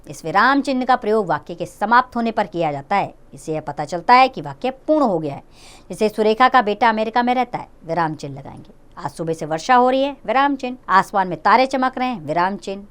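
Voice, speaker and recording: Lively-voiced woman teaching children. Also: mid-range voice, fairly quick, smooth. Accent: Hindi. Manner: friendly, explanatory, addresses children directly. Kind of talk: children's grammar lesson.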